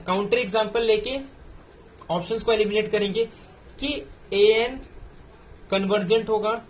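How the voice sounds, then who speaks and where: A man's voice: high-pitched, slight background noise. A man, tutoring math step by step through exam solutions. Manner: explains step by step, mixing in English terms.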